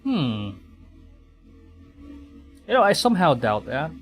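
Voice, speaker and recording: A man from the Philippines streams a game, reading the on-screen text aloud and reacting wryly amid hesitant stammers. His voice is fairly high with big pitch swings, he speaks slowly, and game music plays behind him.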